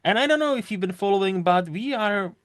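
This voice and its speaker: Chatty Czech-accented podcast host, dry sound. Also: male voice, sits high, lively intonation, fairly quick, a bit bright, dry recording. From Czech Republic. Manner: rambling, chatty, swears casually. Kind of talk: casual podcast chat.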